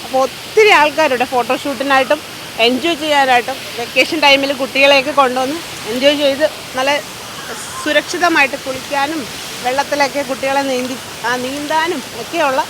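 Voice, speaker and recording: A woman presenting an upbeat travel vlog, mixing English words into Malayalam and repeating catchwords. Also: sits high. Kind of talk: upbeat vlog presenting and casual on-the-spot interviewing. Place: outdoors at a waterfall. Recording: rushing water noise, outdoor location. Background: rushing water.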